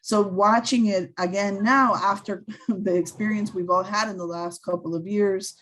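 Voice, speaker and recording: A woman's voice: medium pitch, fairly even intonation, moderate pace, a bit bright, rough recording. A woman speaking on a panel discussion, thoughtful and searching for words, with many fillers and restarts. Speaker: scholar on a panel. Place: event venue.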